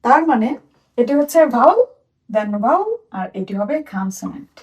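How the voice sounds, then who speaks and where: A woman with a Bangladeshi Bengali accent teaching a children's phonics lesson and repeating each sound slowly for the children to copy. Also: fairly high pitch, big pitch swings, a little mellow, far from the mic.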